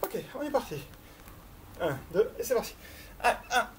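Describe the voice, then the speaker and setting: A woman leading a workout speaks in a high-ish, sing-song, mellow voice at a moderate pace, with a little hiss or hum on the recording. Chatty and encouraging, she counts reps, strains as she talks, and muses aloud with small filler sounds.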